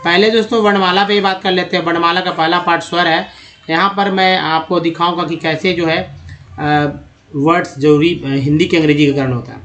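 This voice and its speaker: A man's voice: a little high, steady tone, fairly quick, fairly bright tone. A man teaching English pronunciation in Hindi, explaining step by step and asking questions that he answers himself. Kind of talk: classroom-style explanation.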